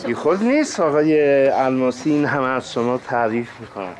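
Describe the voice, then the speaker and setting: An actor playing a chatty, excitable man who gushes eagerly. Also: mid-range voice, very noisy, lightly acted. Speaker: client at a lawyer's office. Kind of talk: comic screen acting.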